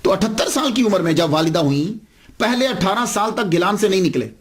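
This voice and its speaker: Animated male preacher. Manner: animated storytelling, acting out dialogue with swings of pitch. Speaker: Islamic preacher. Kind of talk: sermon storytelling.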